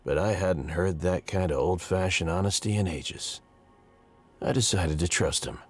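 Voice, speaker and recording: Hardboiled male detective, low husky growl, sardonic, as a man reads him out. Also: normal speed, faint music behind. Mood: brooding. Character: gruff male detective investigating. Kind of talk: reading game dialogue aloud.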